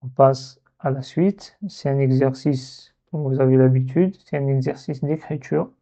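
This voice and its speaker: Slow patient male teacher, dull sound. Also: mid-range voice, fairly even intonation, gravelly, mellow. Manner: slow, patient, repeats words to model pronunciation. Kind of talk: step-by-step lesson narration.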